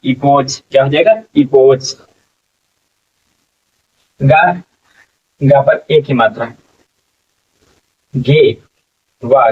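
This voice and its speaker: The recording catches a medium-pitched man far from the mic, sounding tinny and phone-like. He teaches English reading in Hindi through a slow spelling lesson, going letter by letter, repeating words and asking students what they make.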